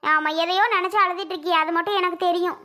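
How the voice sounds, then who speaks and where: A woman's voice: very high voice, steady tone, fast, bright, forceful tone. A woman voicing a coaxing young daughter-in-law. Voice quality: coaxing, questioning. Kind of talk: animated cartoon voice acting.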